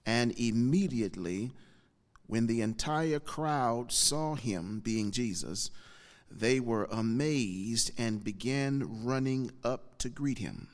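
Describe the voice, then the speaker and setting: A man preaching and reading scripture as a pastor at a pulpit microphone, in a measured, deliberate way with pauses between phrases. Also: mid-range voice, expressive. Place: large church sanctuary. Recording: long hall reverb from church PA.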